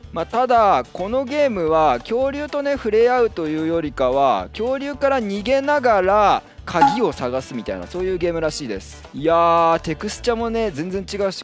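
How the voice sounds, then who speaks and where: A man hosting a casual gameplay commentary, reacting out loud and yelping when startled. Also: on the high side. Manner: excitable, yelps and laughs when startled. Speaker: Minecraft let's-play host.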